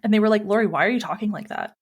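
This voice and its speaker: A woman's voice: medium pitch, rapid-fire, husky. Chatty woman podcast host. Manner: chatty, self-deprecating, laughs often. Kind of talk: casual group conversation.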